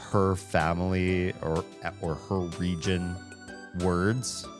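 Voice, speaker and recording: With background music playing, a man from the Southern United States talks slowly in a low, fairly even voice with a Southern accent while gaming on a livestream. His casual chat is wry, rambling and full of self-interruptions.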